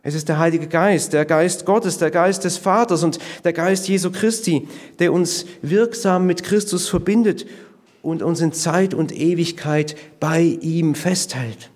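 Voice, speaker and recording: Male pastor, sermon delivery, fairly high voice, earnest and deliberate emphasis. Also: darkish tone. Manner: earnest, measured preaching with slow emphatic stresses.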